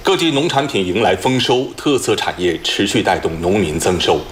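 A male news anchor with a low, widely inflected voice reads formally in standard Mainland Mandarin. His delivery is measured and solemn, over some background noise. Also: big pitch swings. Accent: standard Mainland Chinese Mandarin. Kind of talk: formal scripted news reading.

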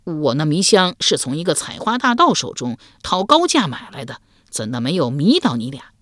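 A woman voicing an injured male intruder who speaks quietly while in pain. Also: fairly high pitch, big pitch swings, moderate pace, no room sound, clean studio sound. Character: wounded sneaking intruder, man.

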